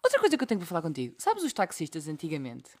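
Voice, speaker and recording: A young woman with a European Portuguese accent, co-hosting a casual podcast and telling stories in an animated way, acting out the voices she quotes. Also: low voice, rapid-fire. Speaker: podcast co-host. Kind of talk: casual chat.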